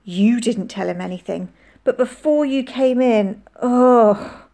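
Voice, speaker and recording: A woman playing an anxious young girl, high, urgent, pleading, storybook reading. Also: measured pace, creaky, dark tone. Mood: fearful. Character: anxious young girl, impatient then tearful.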